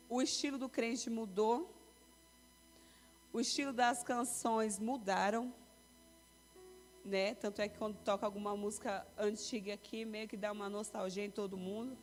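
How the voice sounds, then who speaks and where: A woman with a fairly high voice gives a testimony during a church service. She tells her story in a lively way and acts out the voices of the people she quotes. Her voice rings out with a long reverb from the church hall, and soft music plays underneath. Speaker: church speaker giving testimony. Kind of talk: sermon testimony.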